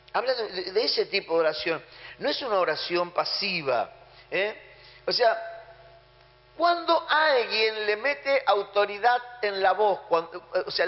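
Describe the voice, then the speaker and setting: A man with an Argentine accent preaching a sermon emphatically, acting out the prayers and orders he talks about. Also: high-pitched. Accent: Argentine Spanish. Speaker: pastor. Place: church hall. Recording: muffled sound in a reverberant hall.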